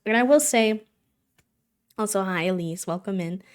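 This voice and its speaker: A woman's voice: medium pitch, normal speed, a little mellow. A woman livestreamer chatting earnestly with her viewers, talking casually with lots of "like"s. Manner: earnest, conversational, many "like"s. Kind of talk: casual live-stream chat.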